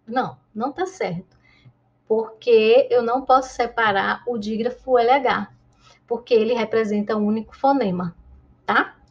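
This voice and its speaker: A Brazilian woman teaching a primary school lesson, drawing out each syllable slowly and answering imagined pupils' objections. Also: a little high, dull audio. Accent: Brazilian Portuguese. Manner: slow, drawn-out syllable-by-syllable pronunciation. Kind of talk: classroom lesson.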